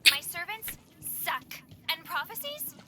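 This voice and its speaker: A woman's voice: very high-pitched, very animated, a little slow, background noise, exaggerated voice. A woman playing a spoiled, petulant duchess in a video game, whiny and contemptuous. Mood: sulky contempt.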